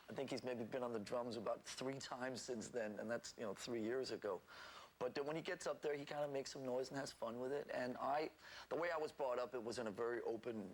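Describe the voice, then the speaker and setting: A man's voice: medium pitch, brisk, low-quality recording. A man from Denmark, a rock drummer, chatting as an interview guest in a chatty, self-deprecating way with many restarts. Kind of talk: casual interview talk.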